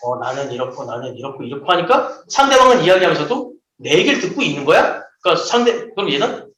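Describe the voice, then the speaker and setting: High, lively male children's pastor. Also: fast. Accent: Seoul Korean. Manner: lively, acts out quoted voices. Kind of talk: sermon to children. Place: church hall. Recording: echoey room.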